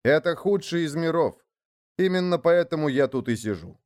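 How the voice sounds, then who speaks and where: A man puts on a calm, stubborn shaman in a storybook tale, pitched higher than the narration and humble in tone. He chants with a clear, ringing voice and keeps a steady resolve. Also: normal speed, lightly acted.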